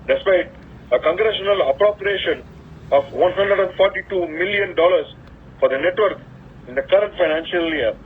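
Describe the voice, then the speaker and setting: A man's voice: high voice, breathy edge. A man from India with a South Indian accent, hosting a scripted radio news digest over a shortwave radio transmission. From Chennai, India. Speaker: radio program host. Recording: tinny, phone-like shortwave digital radio reception.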